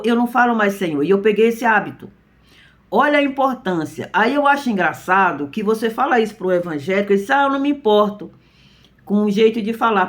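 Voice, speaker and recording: A man's voice: high-pitched, a bit bright. A man preaching in an earnest, emphatic, informal way. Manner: earnest, emphatic, tags lines with "né?". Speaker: religious preacher.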